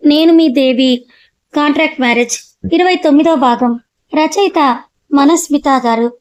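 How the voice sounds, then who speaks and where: A woman's voice: high voice, measured pace, a little mellow, no room sound. A woman narrating an audio story as host. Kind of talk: storybook reading.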